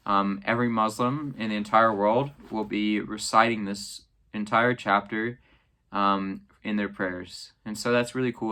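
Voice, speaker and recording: A young man, a native English speaker, hosts a channel where he casually explains a religious text to the camera. His voice is lowish and sharp, and his talk is full of fillers and tag questions.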